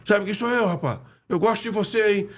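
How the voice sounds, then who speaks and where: A man's voice: sits high, a little fast, pitched above the performer's own voice. A man from Rio de putting on the brash, self-important voice of an older male club president on the phone. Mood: bossy.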